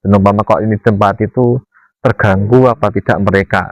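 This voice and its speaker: A man co-hosting a vlog, explaining casually in a halting, matter-of-fact way. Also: fairly low pitch, fairly even intonation, dry recording. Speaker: paranormal vlog co-host. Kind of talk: casual unscripted explanation to viewers.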